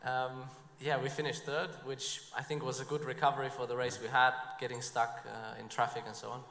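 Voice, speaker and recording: A man's voice: mid-range voice, flat delivery, a little fast, fairly bright tone, reverberant, big-room sound. A man speaking as a racing driver in a casual interview, playful and laughing often.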